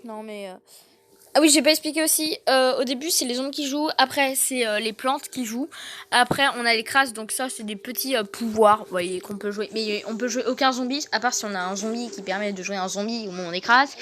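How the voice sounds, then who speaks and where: A woman giving casual gameplay commentary, excitable and fretful, thinking aloud to her viewers. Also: on the high side, brisk. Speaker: gaming video host. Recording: noticeable background noise.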